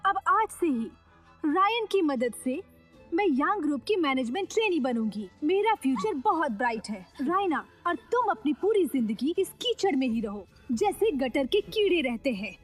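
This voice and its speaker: A woman plays a snobbish young woman who sneers at the poor. Her voice sits high and leaps widely as she mocks. Faint music plays under the dub. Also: big pitch swings, moderate pace. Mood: haughty. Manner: haughty, contemptuous. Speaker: dubbing actress. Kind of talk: Hindi dubbed TV drama acting.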